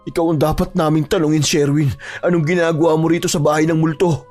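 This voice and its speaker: A man's voice: a little high, little pitch movement, fast talker, darkish tone, soft background music, lightly acted. A man playing a distraught young man desperate to save his father, talking urgently and confronting others. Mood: angry.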